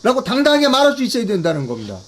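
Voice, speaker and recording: A man's voice: very high-pitched, wildly swooping pitch, racing. An older man giving a political news briefing, talking emphatically, repeating himself and putting rhetorical questions to his viewers. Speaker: political commentator.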